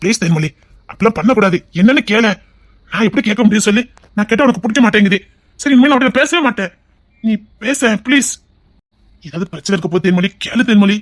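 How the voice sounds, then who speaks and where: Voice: mid-range voice, animated, fast, no room sound, clean studio sound, natural voice. A performer playing a doting young husband who pleads with and sweet-talks his sulking wife, with a Tirunelveli Tamil accent. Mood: urging. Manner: pleading, sweet-talking, teasing with pet names. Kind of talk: audio drama acting.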